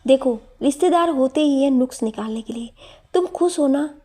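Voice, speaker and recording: A woman's voice: high voice, moderate pace, dark tone, natural voice. Woman reading as a lovestruck young professor. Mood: teasing. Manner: teasing, pleading. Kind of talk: storytelling narration.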